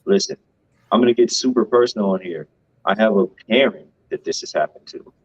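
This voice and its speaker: A man co-hosting a finance show talks money a little fast, in a casual yet emphatic style, often ending a thought with "right?". His voice is deep and husky, and the audio sounds dull and lo-fi.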